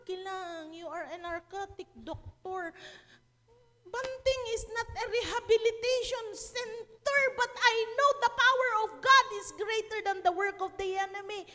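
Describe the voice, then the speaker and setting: A woman's voice: extremely high pitch, a bit bright. A woman pastor with an Ilocano accent preaching a sermon, moving between Ilocano and English with rising emphasis. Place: church hall. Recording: hall reverb.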